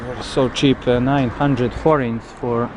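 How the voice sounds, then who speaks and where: Halting male vlogger in loud outdoor wind. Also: medium pitch, fairly even intonation. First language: not English. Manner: halting, hesitant non-native English with searching pauses. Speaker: travel vlogger, tour guide. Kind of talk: unscripted walking city tour commentary. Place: outdoors on windy city streets by a river.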